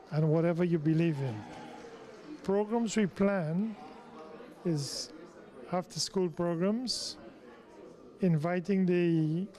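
A middle-aged man from Guyana, a temple president answering interview questions in a measured, explanatory way. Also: high voice, warm tone.

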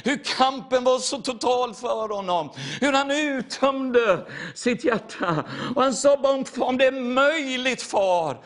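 A man's voice: very high voice, fairly bright tone. A man preaching a testimony sermon, earnest and repetitive, speaking straight to his listeners.

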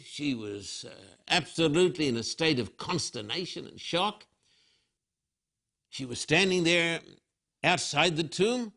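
An older man preaching a sermon as pastor, telling the story with animated storytelling and acted-out quotes. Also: fairly high pitch.

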